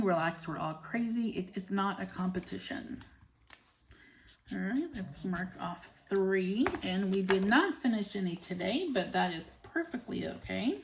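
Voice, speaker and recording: Female vlog host, mid-pitched, leisurely pace, casual task narration with counting to herself, slightly noisy home recording. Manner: unhurried, murmuring counts to herself. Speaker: budgeting channel host. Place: at home, indoors.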